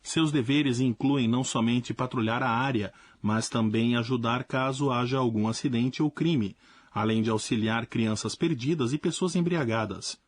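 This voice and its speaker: A man teaching a language lesson in a clear, explanatory scripted narration. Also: medium pitch, moderate pace, no echo.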